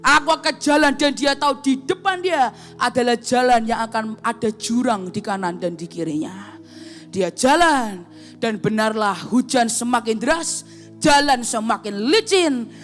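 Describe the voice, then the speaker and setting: A woman preacher tells a sermon story in a high, bright voice. She swings her pitch widely, leaping up to act out the characters' lines. Soft music plays beneath her. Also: measured pace. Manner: animated, acts out characters with big pitch jumps. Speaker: evangelist preacher.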